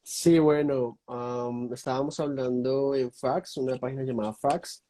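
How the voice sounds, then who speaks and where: A young Colombian man, a guest in a casual online video-call chat, speaks thoughtfully and lists topics, using plenty of fillers. His Colombian Spanish accent accompanies a mid-range, steady, dark-toned voice at a measured pace.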